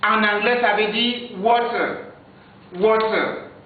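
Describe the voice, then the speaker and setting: A man with a Nigerian accent teaching a French lesson, repeating words slowly for pupils to learn. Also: high voice, steady tone. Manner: slow, repeating words for drilling. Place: school classroom. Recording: distant, echoey, phone-like audio.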